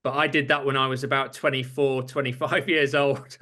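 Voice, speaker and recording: A man's voice: mid-range voice, level tone, moderate pace, sharp tone. A man interviewing a former runner, asking friendly, self-deprecating questions in a casual conversation. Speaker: interviewer, athletics journalist.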